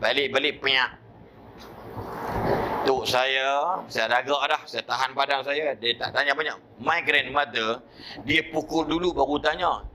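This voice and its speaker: A male preacher with a Malaysian Malay accent delivering a mosque sermon through lively storytelling and acted-out voices. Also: mid-range voice, a little slow, a little hiss or hum.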